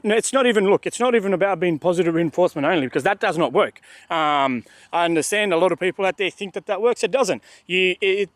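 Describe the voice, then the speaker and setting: A man's voice: high voice, no echo. A man giving casual, emphatic dog training advice, repeating his points and acting out what the dog thinks. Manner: emphatic, repeats points, acts out the dog's thoughts. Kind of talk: casual instructional talk. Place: outdoors at a dog park.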